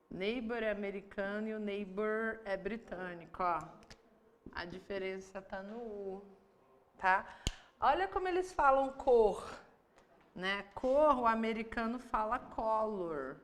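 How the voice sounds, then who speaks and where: A woman's voice: mid-range voice, takes it slowly, a little hiss or hum. Woman, Brazilian accent, exam-prep English teacher, explains examples patiently. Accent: Brazilian Portuguese. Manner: explains step by step, reads English examples aloud then translates. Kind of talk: online exam-prep lesson.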